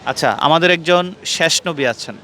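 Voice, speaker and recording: High, bright-voiced man quizzing people on the street. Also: moderate pace. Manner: earnest, quizzing and lecturing passers-by. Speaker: street interviewer and channel host. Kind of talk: street quiz interview. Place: outdoors on a busy street. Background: traffic and street noise.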